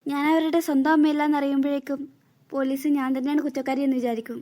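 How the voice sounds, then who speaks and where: A woman's voice: high voice, flat delivery, fast talker, warm tone, close to an everyday voice. A woman voicing a scheming, cruel stepmother in a cartoon, bossy and scolding with sly asides. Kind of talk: cartoon voice acting.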